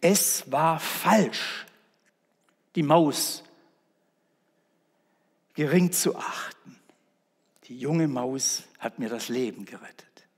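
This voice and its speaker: A man's voice: a little high, lively intonation, unhurried. A man voicing a majestic male lion king from a fable, reading the lines in a raised, emphatic voice. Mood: humbled. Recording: echoey church reverb.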